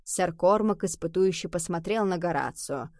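A woman narrating a children's audiobook in a calm, even storytelling manner. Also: fairly low pitch, moderate pace, no echo, clean studio sound. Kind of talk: scripted narration of a children's book.

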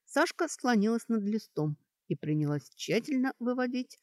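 A woman narrating an audiobook in an expressive storytelling manner. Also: a little high, normal speed, no room sound, studio quality. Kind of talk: scripted narration.

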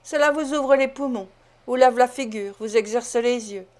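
A woman's voice: on the high side, moderate pace, darkish tone, lightly acted. Woman reader as pompous blustering male official, lordly tone, audiobook. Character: pompous self-important male parish beadle.

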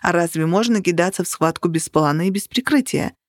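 An audiobook narrator reading first-person fiction in a steady, expressive way. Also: mid-range voice, fairly quick, no echo, clean studio sound.

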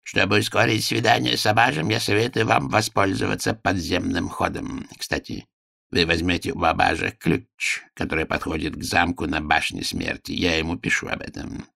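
A cruel, scheming court minister, as the male reader puts him on, menacing and cold, squeaking when rage takes over. The voice is low and gravelly, recorded dry and close. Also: flat delivery, moderate pace, sharp tone, dry recording, exaggerated voice.

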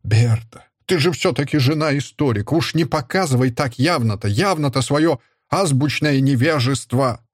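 A furious, scornful father who shouts and sneers, as a male narrator puts him on in a raised, husky voice. His bitterness comes through in every line. The recording is dry and close. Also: medium pitch, very animated, normal speed, dry recording. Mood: bitter. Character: furious stern middle-aged father, a historian.

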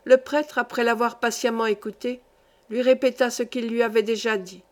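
Steady woman reading a classic novel. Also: on the high side, normal speed. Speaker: audiobook reader. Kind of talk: literary audiobook narration.

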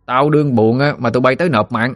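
A man's voice: mid-range voice, fast, pitched above the performer's own voice, lightly acted. A brash village bully boy from a spoken ghost story, put on by a male narrator. He taunts and swaggers. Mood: taunting.

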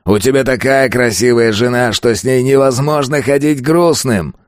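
A man voicing a loud, crude bandit who yells coarsely across a stadium. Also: medium pitch, normal speed, no room sound, clean studio sound, voice pushed up, natural voice. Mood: brash. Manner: yelling, coarse. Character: loud crude male bandit, brash then panicky.

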